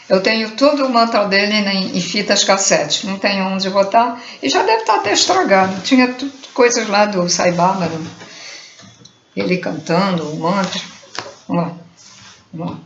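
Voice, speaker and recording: A Brazilian woman giving an informal spiritual talk, chanting mantras slowly as examples and groping for words she has forgotten. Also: medium pitch, gravelly, slight background noise. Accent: Brazilian Portuguese. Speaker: spiritual teacher. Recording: roomy, muffled home recording.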